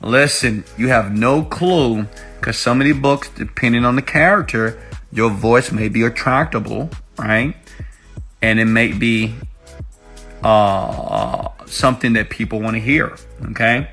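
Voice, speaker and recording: With faint music behind him, a man of medium pitch talks a little slowly in a fairly bright tone. He is an online coach selling money-making ideas, giving viewers a forceful motivational tutorial full of rhetorical check-ins, recorded through an iPhone mic.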